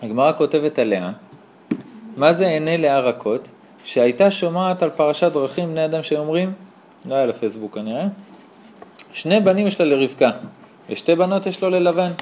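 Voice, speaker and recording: A rabbi speaks to a small group in a room, a man with a fairly high, mellow voice. His pitch rises and falls a great deal as he tells stories and acts out the people in them. Faint background noise sits under his talk. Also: long pauses. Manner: animated storyteller who acts out dialogue; asks his listeners rhetorical questions. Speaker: rabbi teaching a class. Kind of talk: lively Torah lesson with stories. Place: room with a small live audience.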